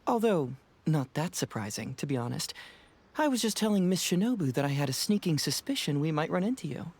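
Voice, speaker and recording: Smug sly young detective, drawly, pitch bouncing all over. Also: male voice, sing-song, a little fast, darkish tone, husky, exaggerated voice. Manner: smug and knowing, with a drawling lilt. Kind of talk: video game voice acting.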